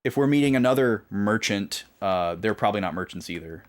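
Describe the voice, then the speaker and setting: A man's voice: on the low side, animated, fairly quick. A man streaming a video game, thinking aloud and joking as he takes notes. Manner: thinking aloud, jokey, note-taking. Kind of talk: casual gameplay commentary.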